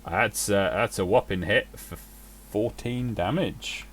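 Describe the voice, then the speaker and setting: A man with a fairly low voice runs a tabletop game as game master. He calls out rolls and damage in a relaxed, matter-of-fact way. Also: slow pace, husky.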